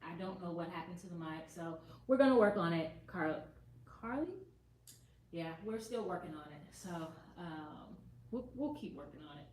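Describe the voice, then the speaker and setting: In her sewing office, a woman with a lowish voice talks at normal speed through a casual sewing tutorial, relaxed and thinking out loud as she works. Her voice moves nearer and farther from the added mic as she walks around, with the camera across the room, roomy echo and faint hiss.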